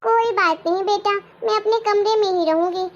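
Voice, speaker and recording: A soft, weary old grandmother who speaks kindly and a little shakily, as a woman acts her out. Her voice still sits very high, with a patient, resigned tone. She sounds like a character in a home-made family skit. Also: moderate pace, lo-fi sound. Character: elderly grandmother, gentle and long-suffering. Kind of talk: comic family skit acting.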